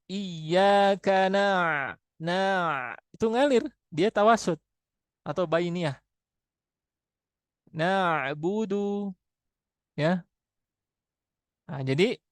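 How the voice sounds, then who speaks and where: Male recitation teacher, slow and methodical, sounds out letters, dry close sound, voice a bit high. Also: no echo. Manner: slow, repetitive, demonstrates letter sounds aloud. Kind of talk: classroom tajwid lesson.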